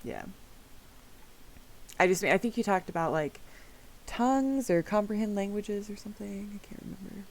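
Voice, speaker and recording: A woman's voice: medium pitch, normal speed, long pauses, a little mellow, slight background noise, low-quality recording. A woman narrating as game master in a casual, giggly way, with lots of fillers.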